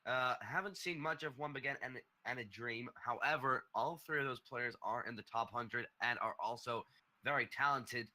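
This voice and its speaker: A man commentating a video game match, calling the plays quickly and excitedly. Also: medium pitch. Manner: quick excited play-by-play calls. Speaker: esports caster. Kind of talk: esports play-by-play commentary.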